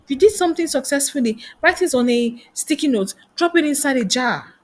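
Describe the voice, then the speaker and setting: In a motivational teaching talk, a woman who coaches and trains people on careers rattles off rhetorical questions. Her voice sits high, and she speaks briskly and with animation.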